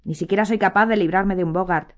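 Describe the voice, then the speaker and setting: A woman's voice: mid-range voice, fast talker, lightly acted. A woman voicing a distraught middle-aged mother witch, crying and stammering through sobs in an audiobook. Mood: tearful. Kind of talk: audiobook character voice.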